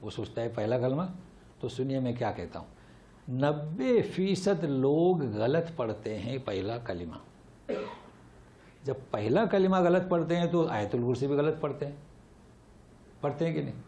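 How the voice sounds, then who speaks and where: Animated man teaching Quran commentary. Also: medium pitch. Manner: animated, rising and dropping sharply for emphasis, recites Arabic slowly. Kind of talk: Urdu Quran commentary lesson. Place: lecture hall.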